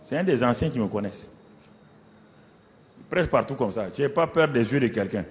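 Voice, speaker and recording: A pastor with a West African French accent preaching a sermon, dramatically retelling scenes with sudden loud peaks. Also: male voice, mid-range voice, animated, normal speed, big-room sound, slight background noise.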